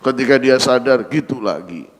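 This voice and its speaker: A man's voice: medium pitch, lively intonation, moderate pace. A male preacher giving a mosque sermon, asking the congregation rhetorical questions. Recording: echoey hall.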